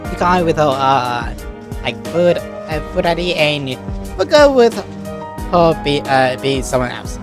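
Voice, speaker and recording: A woman giving casual Let's Play commentary, jokey and sweary as she reacts out loud, with game music behind her. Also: low-pitched, sing-song, slow pace. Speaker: gaming video host. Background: video game music.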